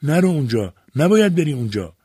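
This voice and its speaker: A man's voice: on the high side, sing-song, warm tone, husky, dry recording, studio quality, voice pushed up. A man doing a frightened woman. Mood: urgent. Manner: urgent warnings. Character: frightened woman relative, urgent and hushed.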